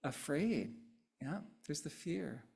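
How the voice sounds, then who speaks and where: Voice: mid-range voice, lively intonation, takes it slowly, gravelly, darkish tone, slightly rough. A speaker giving an interactive sermon, talking conversationally, often tagging "right?" and echoing answers from the congregation. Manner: repeats and riffs on audience answers.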